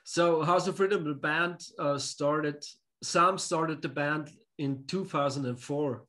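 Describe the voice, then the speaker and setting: This musician from Austria is a relaxed guest in a casual video-call interview, sitting in a home room hung with pictures. His English is non-native and simply phrased, spoken at a slow pace in a fairly high pitch.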